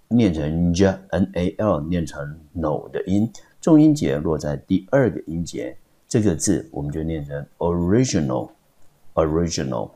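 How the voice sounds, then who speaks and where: A man's voice: extremely low pitch, a little mellow, breathy edge. A man teaching English vocabulary in Taiwanese Mandarin, explaining words step by step and spelling out their syllables. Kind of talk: vocabulary lesson.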